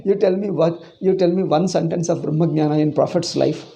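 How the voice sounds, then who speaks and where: A man's voice: fairly high pitch, fairly even intonation, a little fast, gravelly, mellow. A man in his sixties with a South Indian accent, teaching in an informal discourse, emphatically repeating his phrases. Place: small indoor room. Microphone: clip-on lapel mic.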